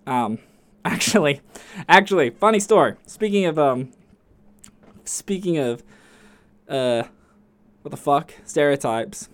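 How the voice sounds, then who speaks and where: A man's voice: slow, long pauses. A man with an Australian accent hosting a podcast alone, telling stories in a casual, chatty way and swearing freely. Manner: chatty, swears freely, jumps to high excited pitch. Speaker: podcast host. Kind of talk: casual solo podcast storytelling.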